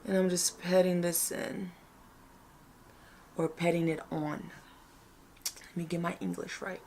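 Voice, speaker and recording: A woman's voice: fairly low pitch, flat delivery, unhurried, darkish tone, a little hiss or hum. Chatty woman doing a casual makeup tutorial. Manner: chatty, informal, thinking aloud. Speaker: makeup vlogger.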